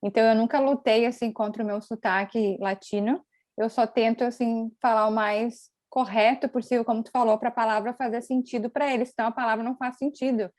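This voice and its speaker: Woman, from Brazil, relaxed host, somewhat high voice, dry close sound. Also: brisk, dry recording. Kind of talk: casual conversation.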